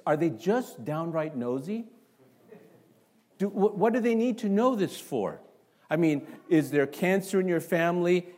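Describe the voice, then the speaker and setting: A male pastor from Canada preaching to his congregation in a church. His voice sits a little high for a man. He talks in an animated way and keeps throwing rhetorical questions at the room. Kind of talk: sermon.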